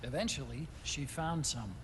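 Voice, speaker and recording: A man's voice: medium pitch, moderate pace, background noise, lightly acted. A man playing an earnest, brainy tech expert who explains things sincerely in a video game. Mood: explanatory, reflective. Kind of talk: video game cutscene acting.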